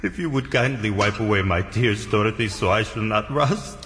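A man playing a gentle, soft-hearted tin man in an audio drama, speaking with polite, earnest sentiment. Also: fairly low pitch, normal speed, faint music behind. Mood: mournful. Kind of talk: theatrical audio drama acting. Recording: long hall reverb.

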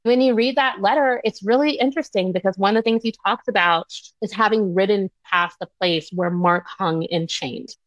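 A woman's voice: mid-range voice, normal speed, few pauses, dry recording, muffled recording. A woman historian speaking in an interview, earnest and reflective. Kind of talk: interview remarks.

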